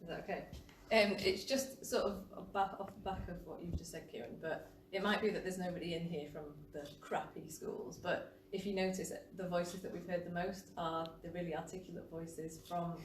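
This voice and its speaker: A woman's voice: lowish voice, fairly even intonation, moderate pace, hardly any pauses. A woman speaking politely and a little tentatively in a casual group discussion. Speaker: participant in a discussion. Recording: echoey room, distant mic, faint noise.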